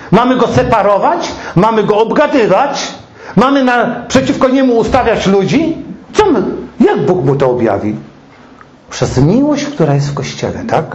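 A man's voice: sits high, a little mellow, slight background noise. A man preaching a sermon, telling stories, quoting others and asking rhetorical questions. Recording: echoey room, dull sound.

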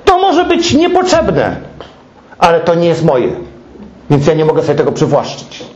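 A man's voice: on the high side, wildly swooping pitch, moderate pace, a little mellow. A man preaching a sermon, telling stories, quoting others and asking rhetorical questions. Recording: echoey room, dull sound.

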